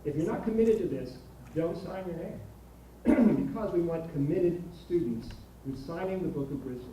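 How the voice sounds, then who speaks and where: Very dark-voiced man in an echoey hall. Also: fairly high pitch, lively intonation. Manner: halting, repeats words. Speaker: ceremony host. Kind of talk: informal ceremonial address. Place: large auditorium. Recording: very echoey hall, distant, faint noise.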